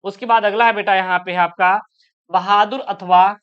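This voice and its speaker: Woman teacher for an exam-prep lesson, smooth clear voice, slightly muffled recording, asks and answers her own questions. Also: medium pitch, steady tone, normal speed.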